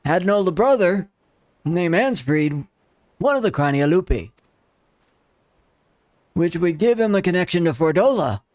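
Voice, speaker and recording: A man voicing a grumpy old man from a video game in a measured old-timer delivery. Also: sits high, very animated, darkish tone, no echo, voice pushed up. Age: older. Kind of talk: reading game dialogue aloud.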